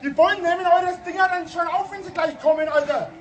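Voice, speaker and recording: A man from Germany shouting and cursing at visitors outside his own property in a heated argument. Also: very high voice, fairly quick, dull audio, a little hiss or hum. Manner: shouting, swearing, aggressive. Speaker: homeowner confronting visitors. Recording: crowd of voices behind.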